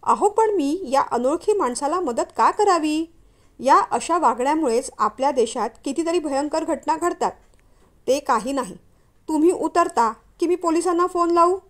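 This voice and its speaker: Woman doing a snappy suspicious young woman, scolding, high and loud. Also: brisk, close to an everyday voice. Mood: angry. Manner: sharp and scolding. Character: young woman, sharp-tongued, suspicious, angry.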